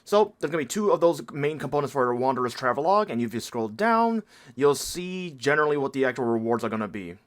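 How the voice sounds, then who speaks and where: A game guide creator with a medium-pitched voice, sick and stuffy-nosed so he sounds nasal, talks quickly with big swings in pitch. He rambles casually through a walkthrough of a game event, thinking aloud and correcting himself as he goes.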